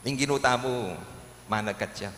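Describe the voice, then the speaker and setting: Kapampangan-accented priest, lively homily, echoey church reverb. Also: male voice, medium pitch, moderate pace. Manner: preaching with lively shifts, acting out jokes and quotes. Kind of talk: homily in a live-streamed Mass. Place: large church. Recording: echoey church with long reverb, faint hum.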